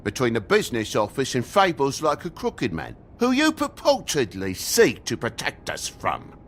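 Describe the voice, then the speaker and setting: An actor voicing a grumpy, indignant talking toad with a British accent in a video game, griping and sarcastic. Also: male voice, mid-range voice, huge pitch swings, normal speed, a little hiss or hum. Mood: bitter, angry. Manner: griping, sarcastic, foul-mouthed.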